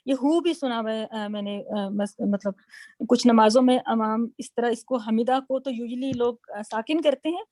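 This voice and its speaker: Woman chiming in during class, pauses a lot, high voice. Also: darkish tone, no echo. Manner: hesitant with fillers. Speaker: student. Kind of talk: adding a point in class discussion.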